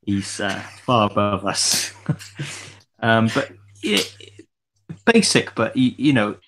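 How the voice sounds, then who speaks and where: A man's voice: lowish voice, big pitch swings, slow, background noise. A man co-hosting a podcast in casual chat, hesitant, with many fillers and restarts. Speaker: podcast co-host.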